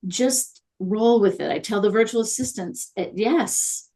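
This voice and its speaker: Mellow and husky, her medium-pitched voice moves at a measured pace. She's a consultant on virtual assistants being interviewed conversationally, upbeat and chatty, full of fillers.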